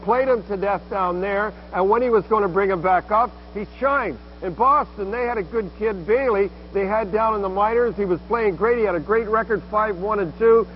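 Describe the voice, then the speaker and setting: High-pitched blunt Canadian hockey commentator, man. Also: moderate pace, few pauses. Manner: blunt, emphatic, punchy short phrases. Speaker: hockey broadcast colour commentator. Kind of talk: opinionated sports commentary. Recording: dull lo-fi broadcast with background noise.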